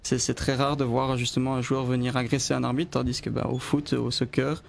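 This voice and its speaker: A man's voice: mid-range voice, level tone, a little fast, creaky, a little hiss or hum. A man speaking as a guest on a radio show, explaining his views with many hesitations and restarts. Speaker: studio guest. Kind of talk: radio discussion.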